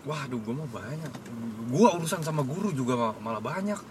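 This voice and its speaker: A young man with reminiscing about school in casual chat, relaxed and joking. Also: mid-range voice, fairly quick, noisy background.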